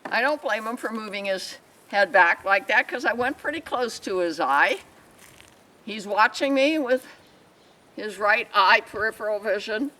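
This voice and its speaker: A woman hosting a casual vlog, training an alpaca outdoors and softly reassuring the animal as she explains each step. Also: mid-range voice, lively intonation, unhurried, poor audio. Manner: soothing repeated reassurances to an animal. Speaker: alpaca trainer and show host. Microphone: camera mic, handheld at times.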